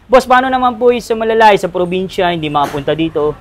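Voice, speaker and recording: Man, Filipino accent, vlogger, upbeat, slightly high voice, faint background noise. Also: fast talker. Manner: lively, asks prices and repeats them. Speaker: vlogger touring a surplus store. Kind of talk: casual walkthrough vlog. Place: indoor surplus warehouse.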